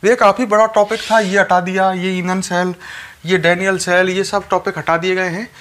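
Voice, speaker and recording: A man's voice: sits high, level tone, normal speed, fairly bright tone. Man teaching chemistry, repeating points. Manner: repetitive, instructive, addresses students directly. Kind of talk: classroom lecture.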